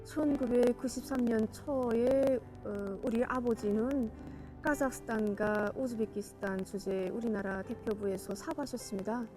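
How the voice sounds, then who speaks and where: Female interview guest, North Korean accent, slightly high voice, formal reminiscence. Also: fairly even intonation, a little slow, over music. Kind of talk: formal recounting of memories.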